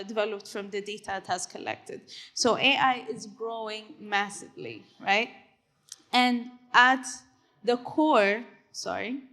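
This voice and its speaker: A woman's voice: a little high, a bit bright. Young Ethiopian woman giving a conference talk. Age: 20s. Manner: earnest, conversational, with frequent fillers and "right?". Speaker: tech company CEO, conference speaker. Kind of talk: conference presentation. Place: conference hall stage.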